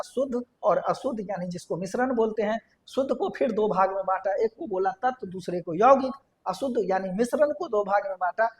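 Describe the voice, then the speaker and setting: A woman teaching a science lesson, explaining step by step, putting questions to the class and answering them herself, and repeating key terms. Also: a little high. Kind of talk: classroom lecture.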